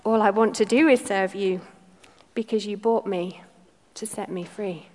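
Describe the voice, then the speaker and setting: A woman voicing a young enslaved girl who speaks quietly and slowly through clenched teeth. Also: mid-range voice, fairly even intonation, big-room sound, close to an everyday voice. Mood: tearful.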